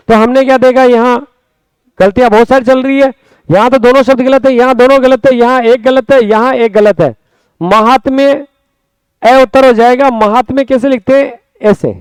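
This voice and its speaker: A male Hindi grammar teacher with a Rajasthani accent explains a lesson step by step, slowly repeating words and often asking his students quick questions. His voice is extremely high-pitched with a clean tone, and the recording is dry.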